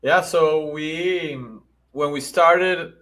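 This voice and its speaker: A middle-aged man with a Venezuelan accent, the founder of a marketing agency, appears as a podcast guest and explains things conversationally, often checking in with "right?". His voice is fairly high and fairly bright, with fairly even intonation, and he speaks very slowly.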